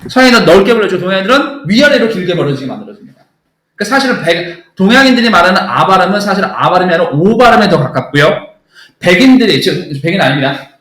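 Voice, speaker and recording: Man, English teacher, classroom lecture, blunt and emphatic, high voice, echoey room. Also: very animated, fast talker, a bit bright. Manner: emphatic, blunt, keeps asking "understood?".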